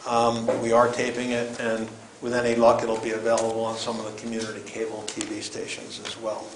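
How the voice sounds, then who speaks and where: Older man, flat halting delivery, echoey room. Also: medium pitch. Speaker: event host introducing the speaker. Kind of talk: informal spoken introduction. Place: lecture room, standing away from camera. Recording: echoey room with background noise.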